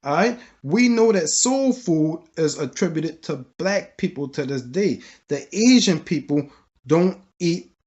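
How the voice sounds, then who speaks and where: A man's voice: a little high, lively intonation, a little slow, darkish tone, muffled recording. A man gives casual, opinionated history commentary, arguing in colloquial language with rhetorical questions. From southeastern United States. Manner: argumentative, colloquial, with rhetorical questions and repeated "all right?". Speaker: presenter.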